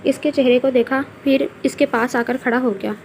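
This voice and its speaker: A woman reading a novel aloud, narrating in a steady storytelling manner. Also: sits high, normal speed, slight background noise.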